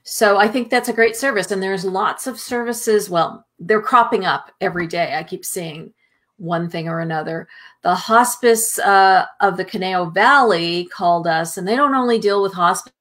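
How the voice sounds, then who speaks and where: A woman co-hosting a live health show from home, speaking at an ordinary middle pitch. She rambles through her points with many ums and restarts. Her tone stays casual and conversational. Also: moderate pace. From Southern California. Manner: rambling, warm filler-heavy talk with many ums. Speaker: co-host, nutritionist. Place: home, remote video call.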